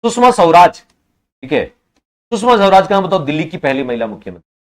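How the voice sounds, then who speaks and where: Quizzing his online exam-prep students, a man with a fairly high voice and big pitch swings repeats every answer. He sometimes scolds them when their replies come too slowly.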